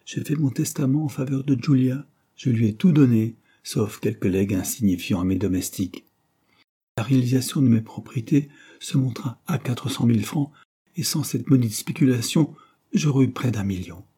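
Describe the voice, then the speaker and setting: A man's voice: medium pitch, moderate pace, mellow, husky, voice pushed up, lightly acted. A man voicing a dying old man who gives solemn, urgent orders from his deathbed, in an audiobook reading.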